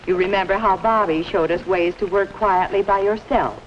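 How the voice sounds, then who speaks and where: A woman with a natural, medium-pitched voice speaks at a moderate pace, the recording muffled. Acting as a kindly, orderly primary school teacher in a 1950s educational film, she teaches young children patiently, all on a noisy, band-limited soundtrack.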